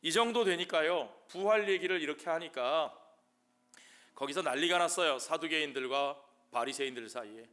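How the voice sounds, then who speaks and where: A male pastor preaching a sermon, briefly acting out the voices of the people he quotes, shouting some lines and hushing others. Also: fairly high pitch, moderate pace.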